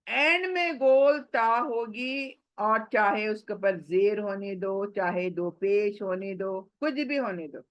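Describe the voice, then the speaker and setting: A woman's voice: medium pitch, fairly bright tone, dull audio. A woman teaching Quran recitation rules in an online class, drilling words with repeated questions and spelling sounds letter by letter.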